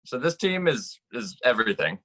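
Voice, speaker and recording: A man's voice: medium pitch, sing-song, moderate pace, pushed and bright, dry recording. A man in his twenties from Texas, speaking earnestly about his team and often repeating words. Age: 20s. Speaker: team member. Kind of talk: casual team introduction.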